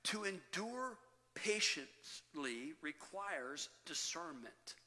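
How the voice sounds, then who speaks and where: A male pastor preaches with a bright, forceful voice that sits a little high. He leans on his phrases with emphatic rises and drops. His voice rings through a reverberant church hall. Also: sing-song. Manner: emphatic preaching, rising and falling with pauses; addresses congregation as "loved ones". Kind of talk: sermon. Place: church sanctuary.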